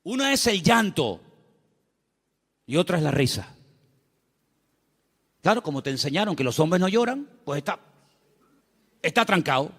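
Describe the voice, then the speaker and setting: A man's voice: high-pitched, very animated, a little slow, long pauses, a bit bright, slightly rough. A male pastor with a Canarian accent, preaching a sermon in a church, folksy and full of rhetorical questions. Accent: Canarian Spanish. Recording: long reverb of a church hall.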